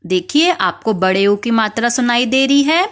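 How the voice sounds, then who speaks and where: A woman teaching young children spelling, slowly spelling out each word letter by letter and asking them questions. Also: fairly high pitch, expressive, fairly bright tone, clear, resonant tone. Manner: slow, spells words letter by letter, asks questions.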